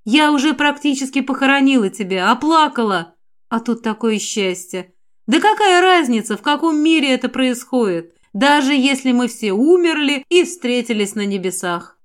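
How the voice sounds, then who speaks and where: A woman voicing a gentle, caring middle-aged mother in an audiobook, speaking softly and turning firm when worried. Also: sits high, lively intonation, normal speed. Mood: tender. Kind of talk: audiobook character voice.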